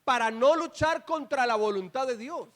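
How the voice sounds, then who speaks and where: A man's voice: very high voice, moderate pace, a bit bright. A male pastor preaching a sermon in church, firing rhetorical questions at the congregation and calling on them to repeat after him. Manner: emphatic, calls for response and repetition.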